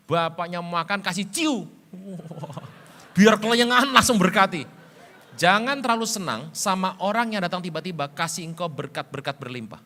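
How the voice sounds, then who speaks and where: A middle-aged male pastor telling stories in a sermon, animated, swinging between loud emphatic bursts and quiet low asides. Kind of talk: storytelling sermon. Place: church sanctuary. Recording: church hall reverb.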